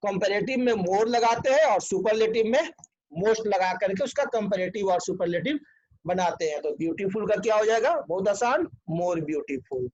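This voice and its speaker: A man's voice: sits high, darkish tone. A man teaching an online English grammar lesson, spelling words out letter by letter and often checking whether his students follow. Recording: dull lo-fi recording.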